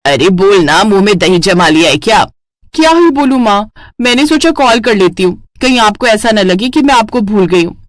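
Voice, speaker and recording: A woman's voice: mid-range voice, sing-song, moderate pace, no echo, clean studio sound, close to an everyday voice. A woman voicing a cheeky, overworked young daughter-in-law who makes sarcastic comebacks. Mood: teasing.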